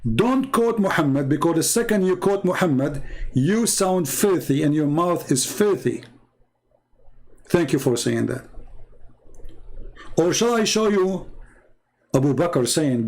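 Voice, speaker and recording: A man's voice: on the high side, animated, measured pace, long pauses, a little mellow. A man hosting a live-stream debate, reading viewer comments aloud and answering in combative, mocking, non-native English. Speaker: online religious debate host.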